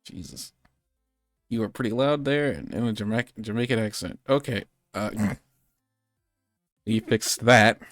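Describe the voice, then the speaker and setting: A man's voice: fairly low pitch, unhurried, pauses often, a bit bright, dry recording, clean studio sound, soft background music. Rambling male podcast host. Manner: rambling, meandering, self-correcting. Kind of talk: casual chat. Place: home streaming setup.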